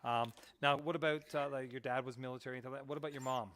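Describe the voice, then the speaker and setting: A man's voice: mid-range voice, steady tone, rapid-fire, a bit bright. A man hosting a podcast from Canada, asking friendly questions and chatting casually. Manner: friendly, chatty, laughs along. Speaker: podcast host.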